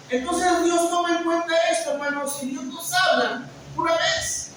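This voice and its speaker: A man preaching a sermon, often asking "¿verdad?" and calling out to the brothers, sometimes rising to a shout. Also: extremely high pitch. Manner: keeps asking "¿verdad?" and calls out "hermanos"; rises to a shout at points. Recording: echoey room from far off with noise.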